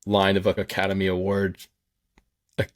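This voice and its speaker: A man's voice: deep voice, completely flat delivery, moderate pace. A man chatting on a podcast in long, opinionated runs, restarting his sentences and swearing bluntly now and then. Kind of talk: casual podcast chat.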